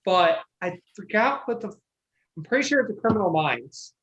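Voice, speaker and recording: An enthusiastic podcast panelist rambles through a retelling and swears freely. The voice sits at a middling pitch, and the audio is a bit muffled. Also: sing-song, moderate pace, slight background noise. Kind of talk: casual chat.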